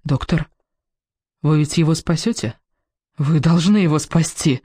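A woman's voice: deep voice, measured pace, warm tone, slightly rough, no echo. A woman voicing a desperate young woman who cries out and pleads. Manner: pleading, crying out. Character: young woman, desperate over her wounded sweetheart.

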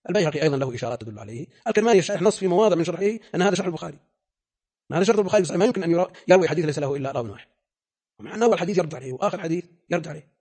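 Older male scholar lecturing on a classical text, husky, very fast, firm. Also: on the high side, expressive, a little mellow. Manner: rapid, emphatic, rhetorical questions. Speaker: scholar teaching hadith terminology.

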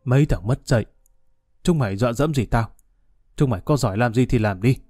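A man's voice: mid-range voice, darkish tone, no echo, clean studio sound, close to an everyday voice. A man playing a stubborn old lawyer. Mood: defiant. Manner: measured, fatherly, defiant. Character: older male lawyer, stubborn and defiant.

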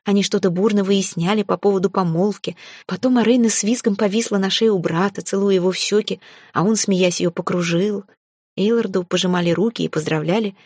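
A woman reading a first-person fantasy audiobook in a lively, expressive and wry way. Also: medium pitch, a little fast, slightly rough, no room sound. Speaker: audiobook narrator. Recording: dry close recording.

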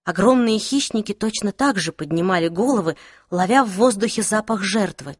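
A woman's voice: mid-range voice, lively intonation, moderate pace, breathy edge, dry recording. Woman narrating a novel, dry close sound. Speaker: audiobook narrator. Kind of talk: scripted narration.

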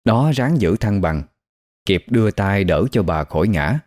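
A man narrating a ghost story in an expressive storytelling manner. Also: on the low side, unhurried. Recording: faint background music.

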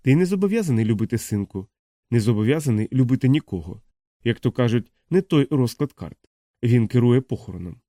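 A man reading as a calm, wry mother, with little change from a plain reading voice. It is a close, dry storybook read. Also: mid-range voice, brisk, dry recording, natural voice.

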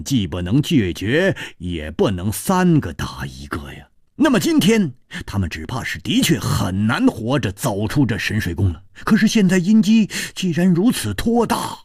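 A man telling a martial-arts novel as a storyteller, dramatic and animated, close to the mic. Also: medium pitch, breathy edge, no echo.

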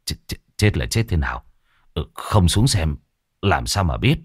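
A level-headed young man speaks in a low, measured tone, steady and matter-of-fact, as a storyteller puts him on. The sound is dry and close, with no room echo. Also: breathy edge, full character voice. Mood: calm.

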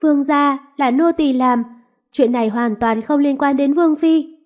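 A woman's voice: high voice, unhurried, mellow. A woman voicing a loyal, humble young maid. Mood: earnest.

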